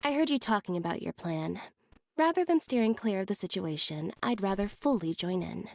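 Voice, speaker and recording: A woman voicing a blunt, deadpan, coolly determined young sister in an anime game. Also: medium pitch, normal speed, gravelly, no room sound, clean studio sound. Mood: flat, insistent. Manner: deadpan, matter-of-fact.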